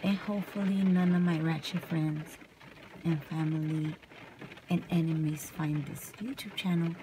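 A young woman from California chatting softly and casually in ASMR style while brushing her hair in a parked car at night. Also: sits low, fairly even intonation, a little slow, background noise. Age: young adult. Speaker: vlogger. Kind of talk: soft-spoken ASMR chat. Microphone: camera close up.

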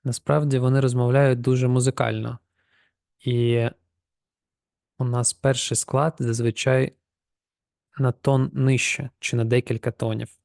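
A man with a gravelly, creaky voice, talking at an unhurried pace as he teaches pronunciation. He says each example word twice so the learner can repeat it. The sound is dry and close, with no room echo. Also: medium pitch, flat delivery, darkish tone. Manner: slow, repeats words to model pronunciation. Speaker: language teacher. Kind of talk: pronunciation lesson.

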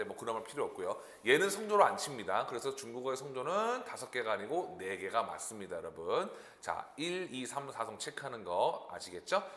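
Lively man teaching tones, echoey room. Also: medium pitch. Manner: lively, demonstrative, drills tones aloud. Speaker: Chinese teacher. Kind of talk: online language lesson. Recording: echoey room with long reverb.

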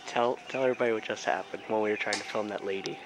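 A teenage boy chatting excitedly while filming a vlog on a handheld camera, outdoors and in a store. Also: on the low side. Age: teens. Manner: excitable, quick exclamations. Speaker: vlogger. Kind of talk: casual vlog chat. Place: outdoor parking lot and big toy store. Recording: noisy handheld camera audio.

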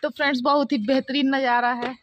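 A woman's voice: high-pitched, flat delivery, a little fast, dull audio. A woman in her thirties hosting a casual family vlog, chatting to viewers and calling to her children at home. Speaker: vlog host and mother. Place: family home during heavy rain. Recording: heavy rain noise behind voice.

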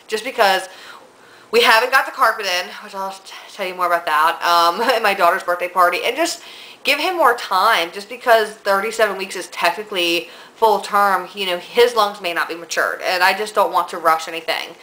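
Young woman, vlogger, bright tone, congested nose, breathless, chatty and rambling. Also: mid-range voice, normal speed, low-quality recording. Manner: chatty, rambling, many ums and likes. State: stuffy nose. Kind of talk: casual pregnancy vlog.

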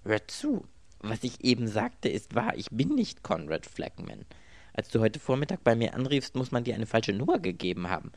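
A man voicing a cool, wry gentleman. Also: mid-range voice, big pitch swings, moderate pace, gravelly, dry recording. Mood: urgent.

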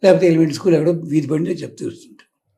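A man with a raised, gravelly voice and a dark, mellow tone gives a devotional explanation. He teaches through homely comparisons and acts out the quoted lines of old tales. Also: on the high side, very fast. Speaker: spiritual teacher.

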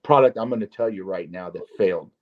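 A man's voice: low voice, fast. Rambling man on a dull, lo-fi line. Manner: rambling, restarts, emphatic storytelling. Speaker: podcast host. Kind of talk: casual chat. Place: Las Vegas. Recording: dull lo-fi audio.

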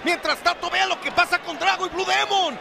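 A man with a Mexican accent giving theatrical, grandiose wrestling commentary, shouting much of it like a dramatic proclamation. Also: extremely high pitch, fairly even intonation, brisk, vocal fry, heavy background noise. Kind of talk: dramatic live lucha libre commentary. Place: live wrestling event in large indoor arena. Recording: loud arena crowd and music behind voice.

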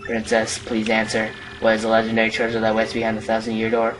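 A man's voice: lowish voice, completely flat delivery, fast, far from the mic, music in the background, natural voice, low-quality recording. A man voicing a formal, clipped male quiz computer in a video game.

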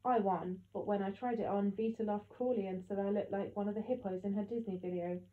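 A woman narrating an audiobook in the first person with steady storytelling. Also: medium pitch, brisk. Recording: echoey tinny phone-like sound.

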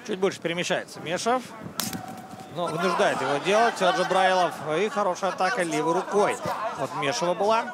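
A man's voice: high-pitched, fairly quick. A man giving live play-by-play sports commentary on a fight. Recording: music and crowd noise behind commentary. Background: arena music and crowd.

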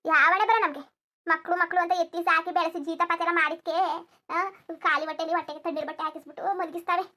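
A put-upon young village daughter-in-law, voiced by a woman for a family cartoon, rambling through her grievances. Her voice sits high and her pace is quick, and she. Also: little pitch movement, fairly bright tone. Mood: venting. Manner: complaining, rambling grievance monologue. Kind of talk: cartoon voice acting.

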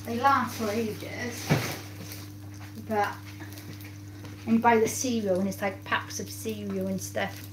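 A woman's voice: mid-range voice, steady tone, slow pace, pauses often, rough recording. A woman, chatting casually to her live viewers while she cooks in her home kitchen. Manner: chatty, talks to viewers while busy at the stove. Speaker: cooking livestream host. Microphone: phone camera close by on the counter. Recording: kitchen noise, pans sizzling behind.

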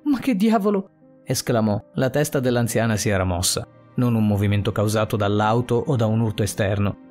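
A man narrating a suspense story in a dramatic, expressive reading. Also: lowish voice, brisk. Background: faint music.

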